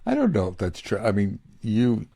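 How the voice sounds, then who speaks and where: A man's voice: lowish voice, wildly swooping pitch, normal speed, creaky, dark tone, no echo. A middle-aged man co-hosting a podcast on leadership, talking candidly and in a rambling way, sometimes getting feisty, close to the mic at home. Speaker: podcast co-host. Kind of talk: casual podcast chat. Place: home office.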